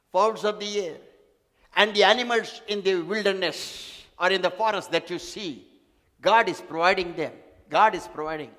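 A man's voice: sits high, a bit bright. A man preaching a sermon as pastor, emphatic and repeating key phrases for weight. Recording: long hall reverb.

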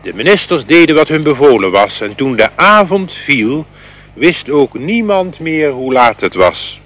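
A man reading a fairy tale aloud in a slow, expressive storytelling manner. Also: a little high. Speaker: reader.

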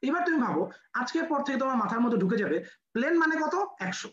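Brisk Bangladeshi lecturer who drills the class with quick questions, recorded in a roomy, echoey space. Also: sits high, sing-song, fairly bright tone, dull audio. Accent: Bangladeshi Bengali. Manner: quizzes students with rhetorical questions, repeats key numbers. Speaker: medical admission physics lecturer.

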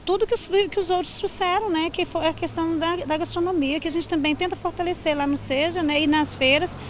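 A woman's voice: very high voice, steady tone, a little fast, slight background noise. A woman in her forties, a fair organizer, answering a street interview at night into a handheld mic, talking conversationally with frequent tag questions. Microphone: handheld reporter mic.

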